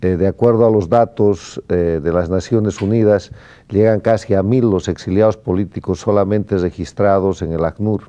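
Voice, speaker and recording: A man's voice: low-pitched, moderate pace, warm tone. A man from Bolivia, a guest on a television interview, making an emphatic political argument as he lists points one after another. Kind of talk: formal TV interview. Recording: dull lo-fi broadcast sound.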